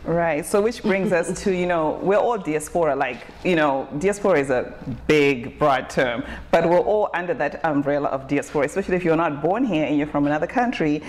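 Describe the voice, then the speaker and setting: A woman from Zimbabwe hosting a talk show, speaking in an earnest, steady way. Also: low voice, a little fast, few pauses. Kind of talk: casual chat.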